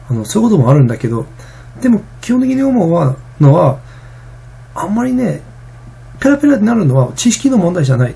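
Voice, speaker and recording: Fast, gravelly, husky-voiced man. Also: mid-range voice, warm tone. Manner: rambling, many fillers and restarts. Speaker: vlogger. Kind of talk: casual vlog monologue.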